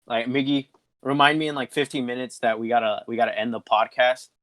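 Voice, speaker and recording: A man's voice: mid-range voice, steady tone, brisk, a bit bright. A young man co-hosting a podcast in casual chat with friends, talking in loose, slangy banter and laughing often. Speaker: podcast co-host.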